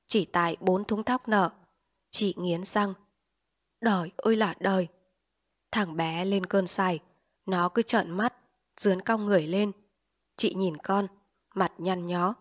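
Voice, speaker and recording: A woman reading a short story aloud as a storyteller, measured and unhurried, phrase by phrase. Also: mid-range voice, no echo, studio quality.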